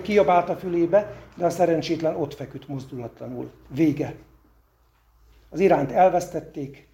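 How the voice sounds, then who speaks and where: A man's voice: a little high, dark tone. A man reading a story aloud to listeners, with a few unpolished, self-deprecating asides at the end. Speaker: reader.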